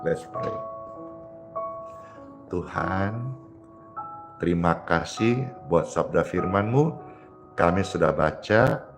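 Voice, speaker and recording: A man preaching as a pastor, emphatic, with dramatic swings in pitch and loudness and words repeated for emphasis. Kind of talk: emphatic sermon with prayer.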